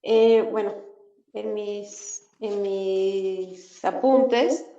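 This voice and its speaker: A woman student raising a doubt about her notes in a tentative, halting way. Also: mid-range voice, fairly even intonation, dark tone. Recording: dull echoey distant audio.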